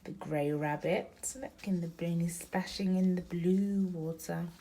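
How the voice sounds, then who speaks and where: Speaking to her young child as a mother at bedtime, a woman reads a picture book with sing-song stresses, chatting on the side and quizzing the child about the pictures she points out. Her voice is on the low side and dark, steady in tone and measured in pace.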